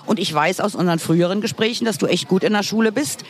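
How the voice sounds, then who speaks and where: A woman's voice: mid-range voice, fast talker. A woman hosting a casual street reportage, chatty and rambling with a playful way of talking. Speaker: podcast reporter and host. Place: outdoor urban public square.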